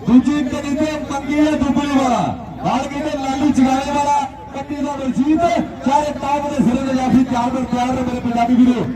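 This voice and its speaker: A man giving frantic rural sports commentary on kabaddi, chanting names and repeated rhyming phrases. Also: very high-pitched. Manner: chanting, repetitive rhyming phrases and lists of players. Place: outdoor village sports ground. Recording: echoey outdoor PA, distant, crowd noise.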